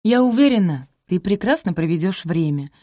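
A woman reading aloud and voicing a gentle, patient young servant girl who reassures others. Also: lowish voice, lively intonation, normal speed, dry recording, clean studio sound. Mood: kind. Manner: soothing, reassuring. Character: patient kind young maid, weary but gentle.

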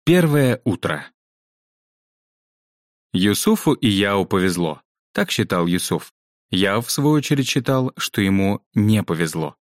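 A man narrating a children's book aloud in an expressive way, giving each character a voice. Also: lowish voice, measured pace, dry recording, clean studio sound. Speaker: audiobook narrator.

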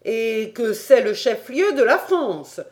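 A woman voicing an excitable middle-aged male French geographer who bursts into loud, fussy exclamations. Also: on the high side, slow, voice pushed up. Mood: excited.

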